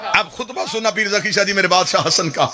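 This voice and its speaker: A male preacher giving a sermon, chanting and shouting his lines with long drawn-out phrases. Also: sits high. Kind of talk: Shia majlis sermon. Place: gathering hall before a crowd. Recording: loud crowd and music behind.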